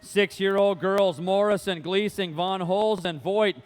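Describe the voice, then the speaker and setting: High-pitched male race announcer with rolling patter. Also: steady tone, unhurried, clean tone. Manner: folksy, slangy, rolling patter. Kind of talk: live BMX race play-by-play commentary.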